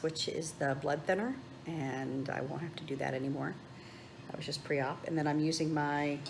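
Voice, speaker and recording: A woman's voice: sits low, gravelly. A woman giving a casual vlog update as a patient, sounding subdued and weary after surgery. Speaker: patient vlogging her surgery recovery. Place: hospital room and corridor. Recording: noisy room sound.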